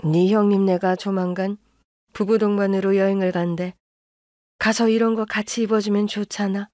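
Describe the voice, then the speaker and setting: A woman's voice: mid-range voice, level tone, moderate pace, dark tone, no room sound, clean studio sound, close to an everyday voice. A woman playing a dismissive older mother-in-law. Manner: brushing off, self-justifying. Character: older mother-in-law, dismissive and favoring her elder son.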